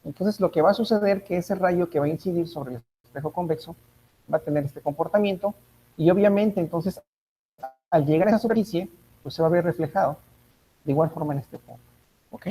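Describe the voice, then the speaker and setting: A man's voice: fairly high pitch, brisk, dark tone, low-quality recording. A man teaching a physics class, thinking aloud, correcting himself and checking in with his students. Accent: Mexican Spanish. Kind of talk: online class lecture.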